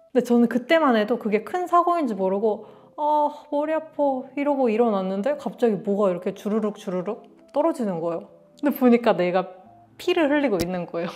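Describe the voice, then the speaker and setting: A young woman from Korea telling a story to camera in a casual vlog, acting out bits of dialogue as she goes. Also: medium pitch. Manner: animated, acts out dialogue in quotes. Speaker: vlogger.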